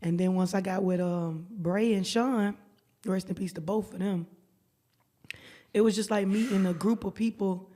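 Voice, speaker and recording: Lively storytelling woman. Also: medium pitch, moderate pace. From Alabama, US. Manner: lively storyteller, slangy, acts out dialogue. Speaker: guest private chef. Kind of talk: casual podcast chat.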